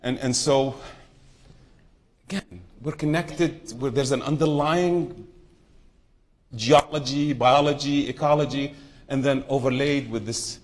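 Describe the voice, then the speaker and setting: A man's voice: medium pitch, slow, pauses often. A middle-aged man from southern Iraq speaking on a conference panel, talking off the cuff, wandering off topic and often restarting sentences. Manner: unscripted, digressive, frequent restarts.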